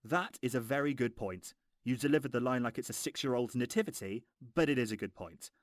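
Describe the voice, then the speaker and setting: A man's voice: mid-range voice, brisk, dry recording, studio quality. A man narrating a scripted film review in a mocking, exasperated, sweary way.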